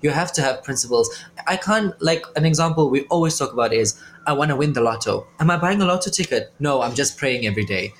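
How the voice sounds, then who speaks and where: A young co-host of a faith podcast, animated and emphatic, with frequent affirmations. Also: mid-range voice, fast, noisy background. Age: young adult. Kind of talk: casual faith discussion.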